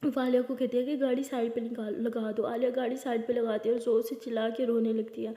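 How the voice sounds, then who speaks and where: A woman narrates a story in a plain, chatty way. Her voice sits high and mellow. A long reverb follows her speech, as in an echoey room. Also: flat delivery, fast talker. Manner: plain, conversational retelling.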